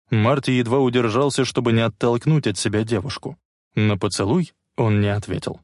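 A man's voice: medium pitch, darkish tone, no room sound. Man narrating a story, dry close sound. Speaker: audiobook narrator. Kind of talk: scripted narration.

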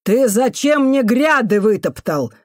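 A woman's voice: fairly high pitch, expressive, unhurried, no echo, studio quality, voice pushed up. A woman doing a vicious shrieking old caretaker. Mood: furious. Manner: shrieking, snarling abuse. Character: vicious foul-mouthed old female caretaker.

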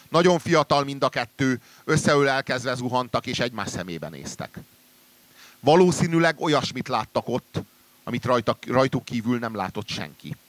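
A man reading a literary story aloud in a measured way, trailing low and quiet at the ends of sentences. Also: no room sound. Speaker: reader.

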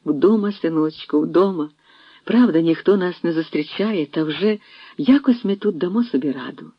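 An emotional young noblewoman, voiced by an audiobook reader, breaks into eager, lively exclamations. The sound is dry and dull, like a lo-fi audiobook. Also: medium pitch, moderate pace, breathy edge, no echo. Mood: tender. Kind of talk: audiobook reading.

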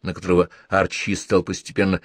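A man's voice: sits low, flat delivery, fast, dry recording. A man reading a novel aloud as narrator, wry and ironic. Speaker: audiobook narrator. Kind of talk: literary audiobook reading.

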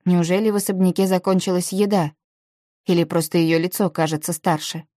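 A woman with a low voice reads a first-person novel aloud in measured, even storytelling. The sound is close and dry, with no room around it. She keeps a steady audiobook pace through the narration. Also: no room sound.

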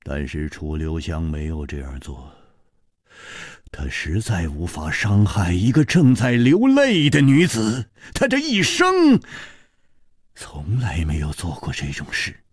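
A male storyteller narrating a traditional long-form story in a dramatic way, swinging from hushed to loud. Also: sits low, huge pitch swings, slow pace, husky, no room sound, clean studio sound.

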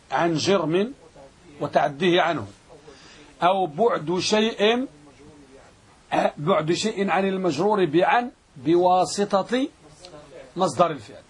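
A man teaching a grammar class, repeating definitions slowly and quizzing his students. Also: sits high, breathy edge. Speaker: Islamic scholar teaching Arabic grammar.

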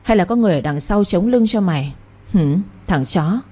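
Woman doing a nasty crime boss lady, deep, mean, sneery, kinda husky. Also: expressive, moderate pace. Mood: sneering. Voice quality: deep warm voice with a sharp, shrewish edge. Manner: sneering and commanding. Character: scheming older woman crime boss, cruel, shrewish.

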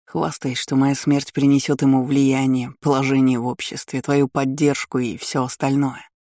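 A man narrating a story in the first person, in a measured, sardonic way. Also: medium pitch, level tone, a little mellow, no echo, clean studio sound. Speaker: audiobook narrator.

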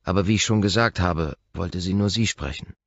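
A man reading an audiobook, voicing a quiet, caring woman housekeeper in a polite, softly respectful manner. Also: deep voice, normal speed, no room sound. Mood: polite concern. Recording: slightly dull recording.

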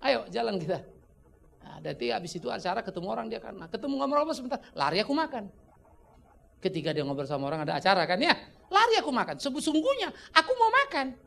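Lively preacher with a gravelly voice. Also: male voice, high-pitched. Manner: animated, joking, acts out dialogues. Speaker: pastor. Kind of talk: conversational sermon. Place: church.

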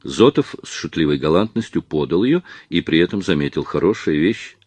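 Male narrator, deep and lively reading, dry studio sound. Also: brisk, breathy edge, no room sound. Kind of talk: audiobook reading.

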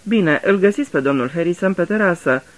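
A man voicing a nervous, hurried young Englishman in a radio drama reading, answering hastily and evasively. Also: sits high, animated. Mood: flustered. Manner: hasty, evasive.

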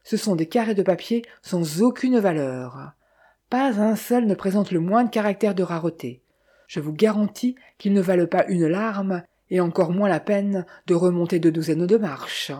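A woman reading aloud voices a sharp-eyed, mocking Italian man, a motorist in an old detective story, in a teasing, probing way. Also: on the low side, moderate pace, slightly rough. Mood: dismissive. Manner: teasing, probing, slightly ironic.

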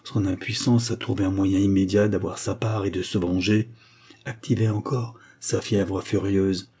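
A man reading a classic novel aloud as an audiobook narrator, steady and measured. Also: sits low, slight background noise. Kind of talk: scripted literary narration.

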